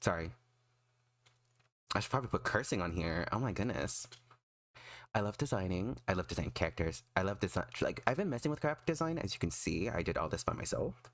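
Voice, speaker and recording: A man chatting casually on a livestream in an excitable, emphatic, self-deprecating way. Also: deep voice, a little fast, dry recording. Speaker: streamer and artist.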